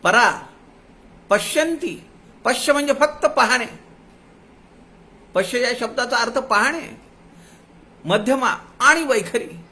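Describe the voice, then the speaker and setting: A man giving a devotional discourse as a spiritual teacher, explaining patiently, chanting verse lines slowly and dropping folksy asides. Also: very high-pitched, animated, sharp tone.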